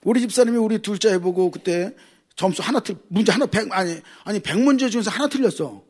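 A middle-aged male pastor preaching with a high, husky voice. He talks with great animation, his pitch leaping around as he jumps from loud exclaiming to hushed asides. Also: expressive, fast talker. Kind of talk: sermon.

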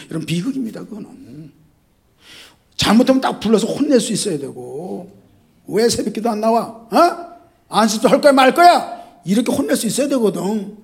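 A middle-aged man preaching a sermon, telling stories with lively shouted quotes and sudden hushed asides. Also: fairly high pitch. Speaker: pastor. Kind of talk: sermon with storytelling.

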